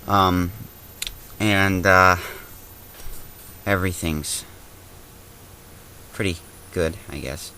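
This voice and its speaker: A man playing an awkward, deadpan zombie apocalypse survivor, rambling hesitantly in a fictional video diary. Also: deep voice, extremely slow, pauses often, slight background noise, heavily acted. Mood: deadpan, uneasy. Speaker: video diarist. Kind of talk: fictional confessional vlog monologue.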